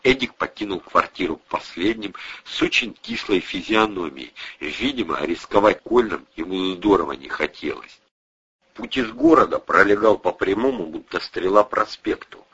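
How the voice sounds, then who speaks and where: A man reading a crime novel aloud as an audiobook, expressive and voicing every character, on a dull lo-fi recording. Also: low-pitched, normal speed, gravelly, breathy edge. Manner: expressive, voices all characters. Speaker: audiobook reader. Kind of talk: audiobook narration.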